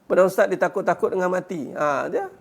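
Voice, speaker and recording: High-voiced gravelly male religious teacher. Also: fairly quick. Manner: punctuates points with "ha" and rhetorical questions; earnest, urging listeners to fight back. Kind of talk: religious lecture answering questions.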